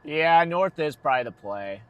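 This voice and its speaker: American storm chaser guy livestreaming from the car, kinda high voice, chatting casually. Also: lively intonation, moderate pace, clear, resonant tone, no room sound. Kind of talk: casual livestream chat while storm chasing. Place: inside a vehicle.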